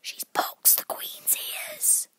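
A woman voicing an anxious, timid male rabbit in a storybook, speaking in a hushed, hesitant, hurried manner. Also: no echo. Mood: frightened hush. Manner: whispering, hesitant, stammering.

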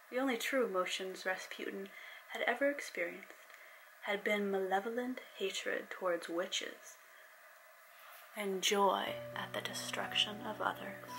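A young woman author reading her own story aloud in a soft, breathy, playful spooky voice. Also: medium pitch, low-quality recording. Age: young adult. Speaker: romance author and channel host. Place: small indoor room, on a sofa.

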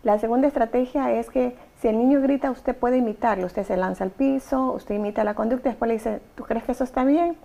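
A woman's voice: a little high, fairly even intonation, brisk, gravelly, few pauses, warm tone. A woman hosting an advice talk show, giving emphatic, direct instructions to mothers. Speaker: talk show host and therapist.

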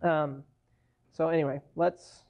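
Gravelly man lecturing in a classroom. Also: on the high side, fairly even intonation, takes it slowly. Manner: conversational, explains with worked case examples. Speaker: immigration lawyer giving a guest lecture. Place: university lecture hall, standing at a lectern. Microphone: far camera in the room. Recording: dull lo-fi classroom recording.

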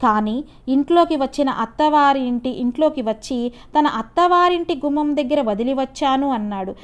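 A woman's voice: sits high, moderate pace. A woman lecturer with an Andhra Telugu accent, reading a story aloud and explaining it, lifting her voice for the characters' lines. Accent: Telugu regional (Andhra).

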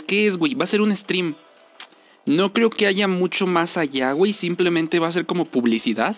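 A young Mexican man with a slightly high voice talks casually about a game. His speech is slangy and rambling, with repeated phrases for emphasis. Game music plays faintly behind him. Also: a bit bright. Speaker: gaming video creator. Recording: music under the voice.

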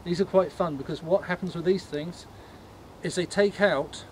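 A man leading a ghost tour, explaining things informally to a group in a halting, matter-of-fact way. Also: sits high. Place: on a night walking tour, in the dark. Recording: noisy outdoor night recording.

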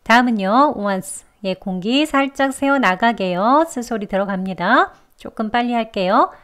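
Woman, slightly high voice, korean accent, pronunciation teacher, calm step-by-step explaining, slow repeated examples. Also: smooth. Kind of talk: scripted pronunciation lesson.

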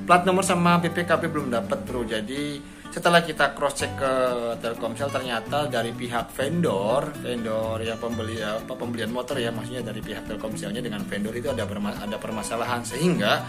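Casting: male vlogger, thirties, informal buddy-style chat, medium pitch, prominent music underneath. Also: fairly even intonation, a little fast. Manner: informal, repeatedly addressing viewers as bro. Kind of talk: casual vlog chat.

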